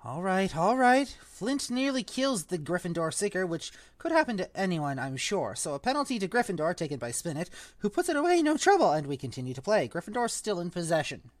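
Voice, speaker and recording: A cheeky schoolboy calling a match, as a reader puts him on. The pitch bounces up and down with play-by-play energy, then drops to soft, sly asides. The sound is close and dry. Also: very animated, a little fast, hardly any pauses, no room sound, lightly acted. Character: lively boy sports commentator, cheeky. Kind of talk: audiobook reading.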